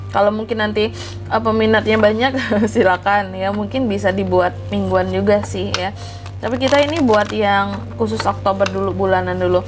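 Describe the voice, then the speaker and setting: A woman hosting a casual tarot horoscope reading, chatty and informal, speaking directly to listeners with a congested, nasal voice from a blocked nose and flu. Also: medium pitch. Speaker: tarot reading channel host. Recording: music behind the voice. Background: background music.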